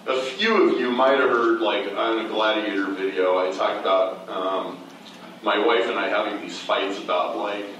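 A man's voice: lowish voice, fairly even intonation, moderate pace, fairly bright tone, very echoey, recorded from a distance, a little hiss or hum, rough recording. A man telling a personal story to a seminar audience, rambling with many restarts and fillers. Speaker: speaker at a seminar. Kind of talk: storytelling talk to a live audience. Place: event room on stage.

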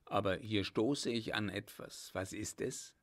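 A man's voice: fairly low pitch, unhurried, a bit bright. A man voicing a brave, ardent young male lieutenant with a firm, earnest manner. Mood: resolute.

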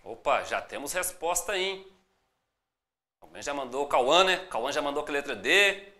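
Brazilian accent, teacher, live online lesson, animated, bright, encouraging, slow syllable-by-syllable spelling. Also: mid-range voice. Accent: Brazilian Portuguese. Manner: upbeat and encouraging, greets viewers by name, spells out syllables slowly.

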